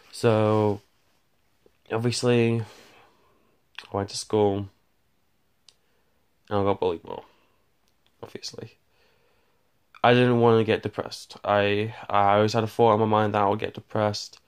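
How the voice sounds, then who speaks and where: Gravelly low-voiced man rambling. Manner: rambling, fills gaps with "blah, blah, blah". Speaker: vlogger. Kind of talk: casual storytime monologue. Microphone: handheld phone.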